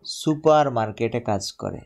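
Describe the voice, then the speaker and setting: A man teaching English grammar in a live online lesson, explaining slowly and repeating himself while checking that viewers follow. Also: mid-range voice, gravelly, a little mellow. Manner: repetitive, explains step by step, asks viewers to confirm.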